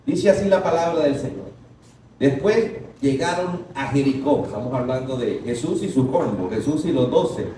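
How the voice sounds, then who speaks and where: A man preaching a sermon to a congregation, leading them in call-and-response and breaking into shouted quotes. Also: medium pitch, expressive, normal speed, a little hiss or hum. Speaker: pastor. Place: large echoing church hall. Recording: echoey distant church recording.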